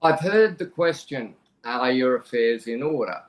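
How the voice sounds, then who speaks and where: A little slow yet animated, his medium-pitched voice carries a personal story told frankly on a podcast. He's a middle-aged Australian guest who talks plainly and conversationally, often restarting what he's saying.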